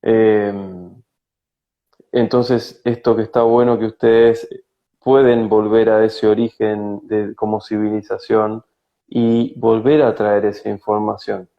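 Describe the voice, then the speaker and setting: Gravelly, low-voiced Argentine man. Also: little pitch movement, lo-fi sound. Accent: Rioplatense Spanish. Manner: slow, searching, with frequent hesitations. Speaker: spiritual guide, guest. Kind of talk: reflective conversational interview. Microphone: video call.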